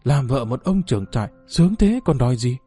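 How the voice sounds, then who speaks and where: A man voicing a lecherous middle-aged male farm-camp chief who talks in a low, hushed and crude way. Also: very animated, fairly quick, soft background music. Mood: whispering.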